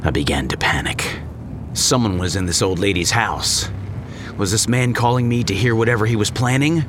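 A man narrating a horror story in a low, hushed, suspenseful way. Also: normal speed, noisy background. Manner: low, hushed and suspenseful, jumping higher in dialogue.

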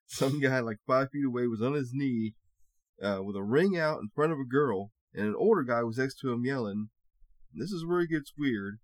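A man's voice: mid-range voice, lively intonation, moderate pace, no room sound. Easygoing young man co-hosting a chat. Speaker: podcast co-host. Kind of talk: casual chat reading Reddit stories.

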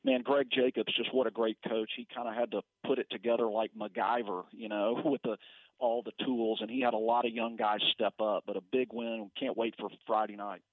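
A man's voice: on the low side, level tone, fairly quick, dry recording. A middle-aged man, a sports broadcaster, chatting casually in a radio interview over the phone. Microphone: phone call. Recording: tinny, narrow phone line.

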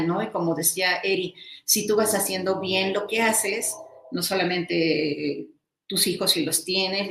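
Animated woman hosting a chat. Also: mid-range voice. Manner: reflective, animated, with laughs and filler "¿no?". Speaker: host. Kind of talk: casual chat. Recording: roomy echo.

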